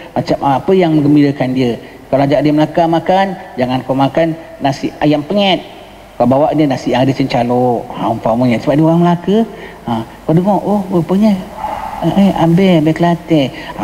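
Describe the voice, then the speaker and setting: A man's voice: on the high side, warm tone, slight background noise. A man with a Johor Malay accent gives a mosque lecture on a religious text, explaining patiently and asking the listeners questions. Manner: explains patiently, mixes in English words, asks the listeners "ha?". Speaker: religious teacher. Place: mosque hall. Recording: long hall reverb.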